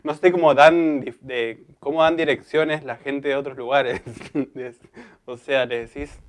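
A man's voice: mid-range voice, fairly even intonation, a little slow. A man from Mendoza with a Mendoza Argentine accent, chatting casually to camera and often breaking into laughter. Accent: Mendoza Argentine Spanish. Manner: laughs often while talking, playful and loose. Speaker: vlogger.

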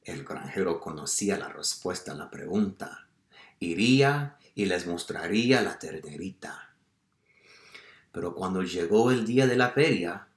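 Guy reading a kids book to the class, slow pace, whispery bits, echoey room. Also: low-pitched. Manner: expressive storytelling, drops to whispers and asks questions. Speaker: teacher. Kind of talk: reading a picture book aloud to children. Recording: roomy echo.

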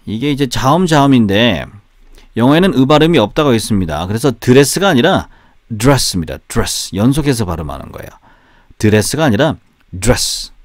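A native Korean-speaking man teaches English pronunciation, saying each word slowly and drilling it aloud. His voice is medium-pitched, and the recording is dry and studio quality.

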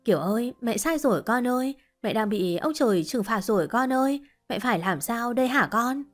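A woman's voice: a little high, expressive, fairly quick, faint music behind. A woman voicing a desperate, grieving older mother who pleads through sobs. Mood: wailing. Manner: sobbing, pleading.

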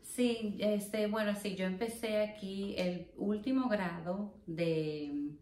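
A young Dominican woman from the Dominican Republic, a guest sharing her story in a casual interview, soft-spoken and hesitant. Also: medium pitch, slow pace, reverberant, a little hiss or hum. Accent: Dominican Spanish. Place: living room on a sofa, indoors.

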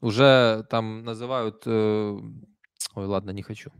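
His voice is lowish, smooth and steady, moving at a measured pace: a man in his thirties from Ukraine, Kyiv Russian accent, going through viewer comments on a live stream. He talks conversationally and emphatically, with soft-spoken asides. The desk stand mic sits close in a small indoor room, giving clean studio sound with no room tone.

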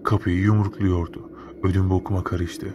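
A man's voice: low-pitched, flat delivery, normal speed. A man narrating a first-person horror story in a casual, slangy, matter-of-fact way. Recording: noticeable background noise.

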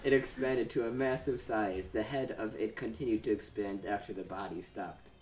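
A man's voice: fairly low pitch, fairly even intonation, normal speed, darkish tone, roomy sound. A man hosting a show, giving a casual comedic reading and laughing often as he goes. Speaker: host reading fan fiction aloud.

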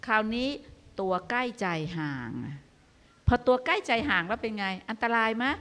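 A woman's voice: fairly high pitch, moderate pace. An older woman hosting a live show, giving a dharma talk to parents and asking rhetorical questions. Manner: animated, asks rhetorical questions. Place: stage of a live broadcast.

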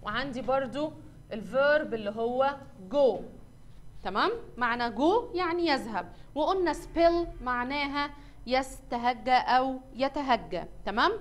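High-voiced Egyptian woman teaching English. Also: a little slow. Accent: Egyptian Arabic. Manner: mixes Arabic and English, spells words letter by letter; asks and answers her own questions. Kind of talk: recorded classroom English lesson.

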